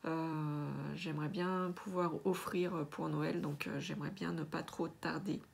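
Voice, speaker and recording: Lady rambling slowly about her craft kits, lots of euhs, lowish voice. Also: little pitch movement, vocal fry. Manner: hesitant, many filler pauses. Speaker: diamond painting vlogger. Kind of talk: casual unboxing chat.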